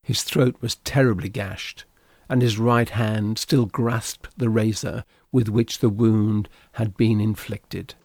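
A man reading a classic sea story aloud in measured, scripted narration. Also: lowish voice, steady tone, gravelly, darkish tone, no echo. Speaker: audiobook narrator.

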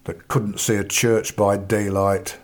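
A man reading an audiobook voices a fierce, blunt male Bow Street officer who speaks gruffly and forcefully in an old-fashioned way. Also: lowish voice, flat delivery, slow, pitched below the performer's own voice. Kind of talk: audiobook character voice.

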